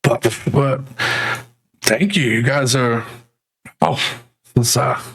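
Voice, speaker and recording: A polite, grateful hired worker from a tabletop game, as a man puts him on. He speaks slowly and haltingly, with many small pauses. His voice stays close to a plain everyday voice. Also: medium pitch, vocal fry, a bit bright, husky, full character voice.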